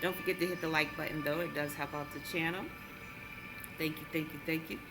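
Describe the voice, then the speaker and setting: A woman with a low voice and steady tone gives a casual tarot reading for her channel, briskly chatting through what each card means one step at a time. The recording is rough, with background music playing beneath her voice.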